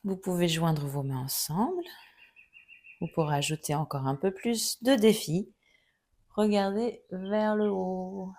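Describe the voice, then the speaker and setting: A woman teaching a yoga class, giving calm, gently guiding cues through each pose. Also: fairly low pitch, slow. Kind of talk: guided yoga instruction.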